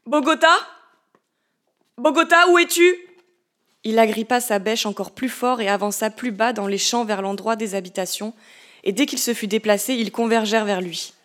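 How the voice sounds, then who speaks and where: Woman reading a story aloud, steady and measured, middle pitch. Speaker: narrator. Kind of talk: audiobook narration.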